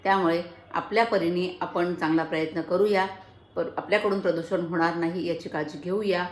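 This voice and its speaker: A woman's voice: on the low side, fairly even intonation, brisk, roomy sound. A woman hosting a health channel, earnestly explaining points one by one in an explanatory talk, with small restarts.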